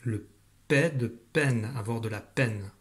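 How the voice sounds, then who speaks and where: Slow-paced and medium in pitch, a male primary school teacher patiently walks young children through a reading lesson over video. He encourages them as he speaks, captured by a desk computer at home.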